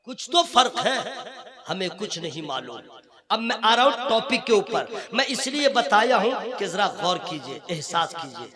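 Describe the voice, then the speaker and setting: Male preacher, very high pitch, live crowd audible; fervent rhythmic oratory broken by chatty asides. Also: very animated, moderate pace. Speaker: Islamic preacher. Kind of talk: religious speech at a conference. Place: religious conference gathering. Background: audience murmur and laughter.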